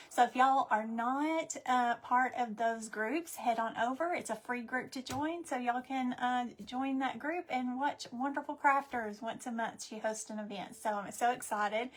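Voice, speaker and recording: A woman, chatty and excitable, hosting a live craft demonstration from home and greeting viewers by name. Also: on the high side. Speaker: craft live-stream host.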